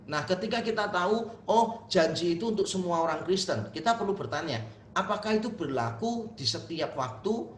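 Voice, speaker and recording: Male pastor, chatty storytelling teacher; voice on the higher side, recorded roomy with faint noise. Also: lively intonation, moderate pace. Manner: storytelling, conversational, addresses listeners as "saudara". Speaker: pastor and seminary lecturer. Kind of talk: Bible study teaching. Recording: echoey hall, faint background noise.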